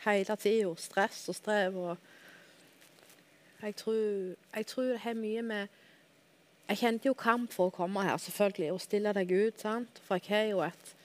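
A woman guest in a television studio tells her personal faith testimony. She speaks earnestly and candidly at a medium pitch. She keeps turning to the host for agreement as she talks. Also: fairly even intonation. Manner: earnest and candid, often asks "right?" of the host.

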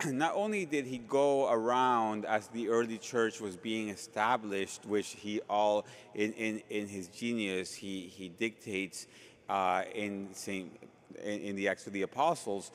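A male priest speaks at Mass in a solemn, declamatory way. His voice is on the low side and rings with long cathedral echo through a large church. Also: fairly even intonation, unhurried. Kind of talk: gospel reading and homily at Mass.

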